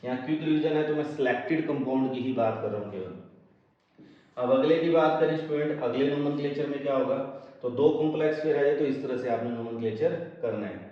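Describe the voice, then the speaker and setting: A man's voice: mid-range voice, fast. Male chemistry teacher, lecturing style, poses questions to the class and answers them himself, recorded far off in an echoey room. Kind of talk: lecture to students. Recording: echoey room, distant mic, dull sound.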